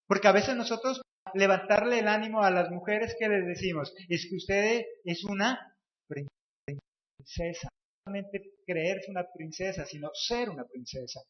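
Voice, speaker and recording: A man delivers a sermon in a fairly high voice, pressing his listeners with question after question and repeating key phrases. The sound is roomy and echoey, caught on a muffled, lo-fi recording in a church. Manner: asks the congregation rhetorical questions, repeats phrases for emphasis. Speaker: preacher.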